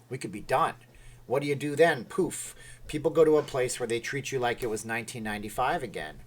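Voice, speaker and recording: A man hosting a casual livestream, rambling and reading viewer comments aloud. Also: medium pitch. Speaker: livestream host. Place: Las Vegas.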